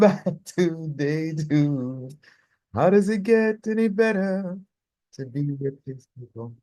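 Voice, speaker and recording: Workshop host, woman from the US, unhurried and effusive, laughs often, dry close sound. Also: lowish voice, dark tone, no room sound. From United States. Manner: effusive, laughing, slow and drawn-out. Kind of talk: closing thanks at a live workshop.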